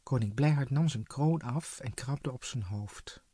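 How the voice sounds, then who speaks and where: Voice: mid-range voice, measured pace, mellow, slightly rough, no echo, studio quality. A reader narrating a children's storybook expressively, giving each character a voice.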